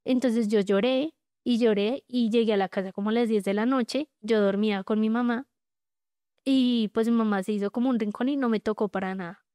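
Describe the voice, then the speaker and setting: A woman giving a candid personal testimony as a podcast guest, talking in a halting way with many fillers. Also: fairly high pitch, fairly even intonation, warm tone, clean tone, no echo, clean studio sound. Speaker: guest sharing her story.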